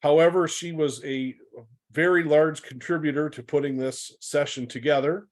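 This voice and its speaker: A man's voice: a little high, steady tone, normal speed. A man hosting an online webinar, giving friendly, upbeat introductions of the speakers with a few fillers. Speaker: webinar host.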